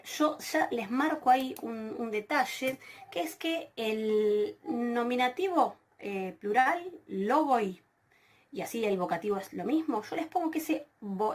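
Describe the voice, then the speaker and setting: A woman giving a recorded grammar lesson over slides. She explains patiently, with frequent fillers and self-corrections. She slows down carefully whenever she spells out a form. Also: mid-range voice. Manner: slows down to spell out Greek forms. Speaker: Greek teacher.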